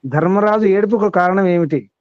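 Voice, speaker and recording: A man's voice: high voice, moderate pace, smooth, no room sound, dull audio. A man teaching a spiritual discourse to students, asking them many rhetorical questions in an emphatic way.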